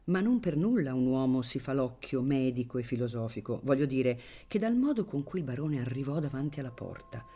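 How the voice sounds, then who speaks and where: A woman reading a classic novel aloud for radio, in a measured, expressive way. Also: rumbling low. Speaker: reader of a novel. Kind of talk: literary audiobook reading on radio.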